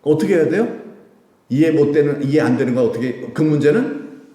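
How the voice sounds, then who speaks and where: A man's voice: a little high, lively intonation, a little fast, warm tone. A male pastor preaching a midweek prayer service sermon, asking the congregation rhetorical questions and acting out quoted prayers. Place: church sanctuary. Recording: echoey church room.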